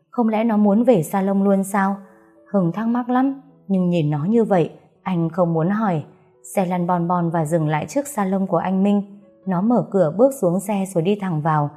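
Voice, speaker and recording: A woman narrating an audiobook story in a steady, even manner. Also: on the low side.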